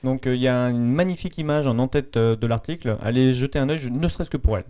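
A man with a mid-pitched, mellow voice explains tech topics in a loose podcast chat. He leans on fillers and slips in small jokes along the way. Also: quick pace. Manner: filler-heavy, jokey explainer. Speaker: podcast co-host.

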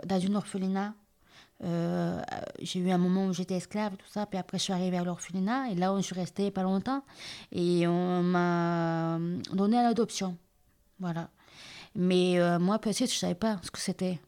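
Soft, hesitant woman in her thirties. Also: on the low side, clear, resonant tone. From southern India, raised in France. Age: 30s. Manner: hesitant, many fillers and restarts, soft-spoken. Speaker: interviewee. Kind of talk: personal testimony.

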